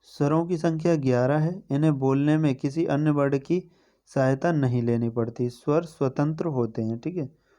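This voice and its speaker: A man teaching an exam-prep grammar class in a mellow, darker voice. He explains each rule step by step and slows down to sound out the letters one at a time. He keeps tossing in a quick "okay" to check that his students are following. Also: a little high. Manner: explanatory, repeats "ठीक है" as a check-in; spells out sounds slowly one by one.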